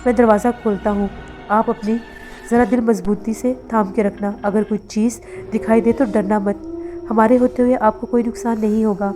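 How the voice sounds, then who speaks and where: A woman's voice: a little high, steady tone, over music, natural voice. A woman reading as an old male faith healer. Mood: calm, assuring. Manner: confident, reassuring.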